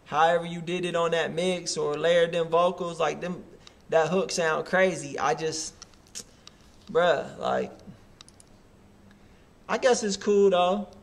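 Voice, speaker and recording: High-voiced man talking casual street slang. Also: slow, creaky, long pauses. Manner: hyped, animated, full of slang like bruh. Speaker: host of a music review livestream.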